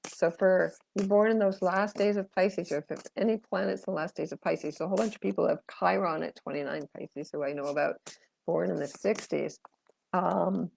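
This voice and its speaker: A middle-aged woman reads tarot live, talking in a rambling, chatty way full of fillers and responding to viewer comments as her voice gives out. She is a tarot reader and astrologer with a lowish, gravelly, slightly mellow voice, fairly even intonation, and a moderate pace. The rough recording has slight background noise.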